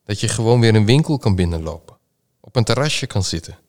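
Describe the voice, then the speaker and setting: A male preacher reads scripture and then gives a meditation on it in a solemn, unhurried delivery. His voice sits on the low side, and he lingers deliberately over key phrases. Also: animated, darkish tone. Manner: slow, measured, solemn delivery. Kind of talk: scripture reading and sermon meditation.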